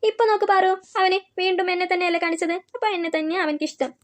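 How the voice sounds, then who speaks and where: A young older-sister figure in a cartoon, voiced by a woman, with a very high, cooing voice. She slips into sweet baby talk. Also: racing. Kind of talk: cartoon voice acting.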